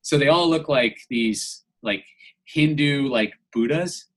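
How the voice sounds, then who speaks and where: An American man tells a rambling story in casual podcast chat, packing nearly every phrase with "like" and restarting often. His mid-range voice is slow, fairly bright and slightly rough, and the audio is poor.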